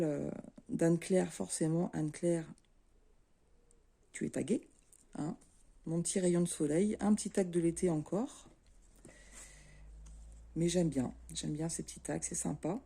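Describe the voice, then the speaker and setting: Mellow-voiced French woman chatting. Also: on the low side. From France. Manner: relaxed, easygoing, many fillers. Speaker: craft vlogger. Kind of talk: casual chat to camera.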